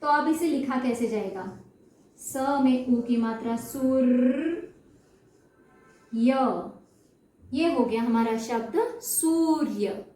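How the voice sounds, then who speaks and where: A woman with a high voice teaches children, speaking slowly and stretching out syllables to model their sound. She keeps checking that they follow along. The recording is roomy and echoey, with her voice set back from the mic. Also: dark tone, faint music behind. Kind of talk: slow explanatory lesson. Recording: echoey room, mic at a distance.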